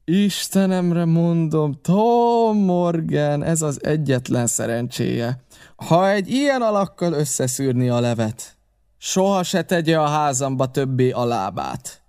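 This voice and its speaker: A man voicing a blustering one-legged male pirate cook, speaking loudly and theatrically, often drawing his words out slowly. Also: medium pitch, smooth, lightly acted. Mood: interrogating. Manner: loud, theatrical, drawn-out and slow.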